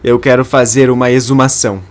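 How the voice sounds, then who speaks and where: A man's voice: mid-range voice, little pitch movement, brisk, a little hiss or hum, lightly acted. A man voicing a grieving, determined young daughter in a narrated soap opera summary.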